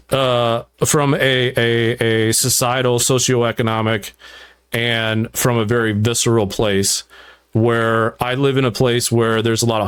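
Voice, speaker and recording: A man with a smooth, resonant voice hosts a casual music podcast. He talks through his songwriting at length, animated and full of restarts. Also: mid-range voice. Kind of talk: casual interview chat.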